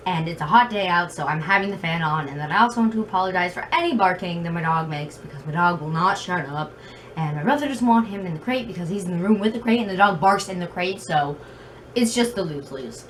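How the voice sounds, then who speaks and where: A woman's voice: medium pitch, lively intonation, quick pace. A woman with a very slight lisp telling stories in a casual, rambling, self-deprecating vlog style, recorded in her room. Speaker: video blogger. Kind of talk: casual chatty vlog storytelling. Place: bedroom at home. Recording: noisy room with fan, distant mic.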